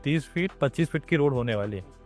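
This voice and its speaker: A man representing a property project, giving a rambling, repetitive sales pitch outdoors. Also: animated, brisk, a little mellow, soft background music. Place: outdoors at a plot site.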